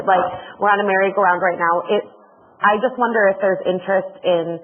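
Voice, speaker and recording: A man on a township board, steering the discussion toward a motion with hedging fillers. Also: high voice. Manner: steering, proposes next steps with hedging fillers. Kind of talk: public meeting discussion. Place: township meeting room. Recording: tinny lo-fi meeting audio.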